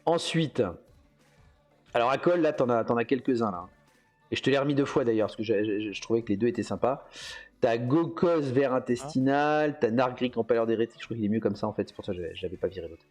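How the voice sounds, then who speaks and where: A man's voice: medium pitch, animated, quick pace, darkish tone, soft background music. A man hosting a casual livestream, rambling through his talk with hesitant fillers and frequent chuckles. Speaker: host.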